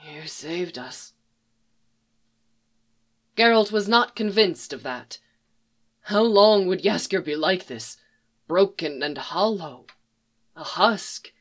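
A narrator reading a fan story aloud in a slow, even storytelling manner. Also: mid-range voice.

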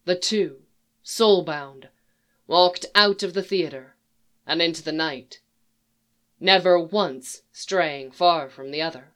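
A narrator reading a fan story aloud in a slow, even storytelling manner. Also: mid-range voice, clear, resonant tone.

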